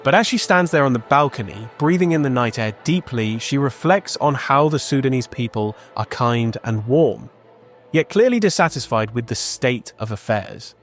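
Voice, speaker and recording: A man narrating a documentary podcast in a measured, scripted delivery. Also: mid-range voice, lively intonation, soft background music. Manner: measured and clear.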